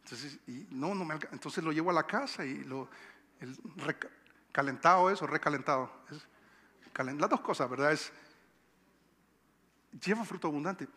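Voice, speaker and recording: A man's voice: on the high side, normal speed, pauses often, sharp tone, slightly rough. A male pastor with a Colombian Bogotá accent, preaching a conversational sermon and repeating phrases for emphasis. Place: church sanctuary. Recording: long church-hall reverb.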